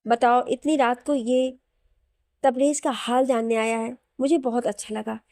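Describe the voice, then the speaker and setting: Loving mom, woman reading it, mellow tone, dry audio story read. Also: fairly high pitch, fairly even intonation, a little slow, no echo. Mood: affectionate. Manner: warm, doting. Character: affectionate middle-aged mother.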